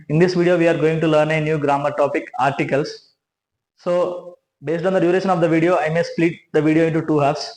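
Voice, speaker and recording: High-voiced teacher in an echoey room. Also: male voice, a little mellow. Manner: explains with many restarts and checking "right?". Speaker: English grammar teacher. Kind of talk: classroom grammar lesson. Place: classroom with a board.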